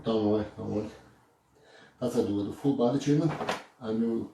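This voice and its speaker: Male massage therapist, calm, keeps saying don't worry, roomy room, mic far off. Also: on the low side, fairly quick, vocal fry. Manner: reassuring, repeats "don't worry", counts aloud. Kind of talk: casual talk while treating a client. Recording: roomy room, distant mic, faint noise.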